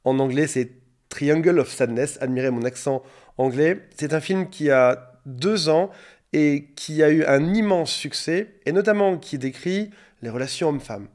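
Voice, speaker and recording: A man with a fairly high voice hosts his own relationship-coaching channel. He talks straight to the viewer in a direct, explanatory way and slips into little voices for quoted lines. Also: lively intonation, normal speed, darkish tone. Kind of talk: talking-to-camera coaching monologue.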